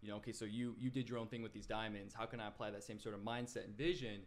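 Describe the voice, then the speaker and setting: A man's voice: on the low side, steady tone, racing. A man in his twenties, a guest telling his story in a casual podcast interview, with many fillers and restarts. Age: 20s. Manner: rambling, lots of fillers and restarts. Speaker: guest videographer. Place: small podcast room. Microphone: desk mic on boom arm.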